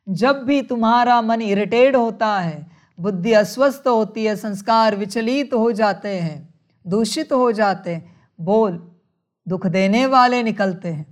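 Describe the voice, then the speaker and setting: A woman giving a spiritual sermon, speaking in a measured way, calling her listeners children and asking rhetorical questions. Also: mid-range voice. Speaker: spiritual teacher.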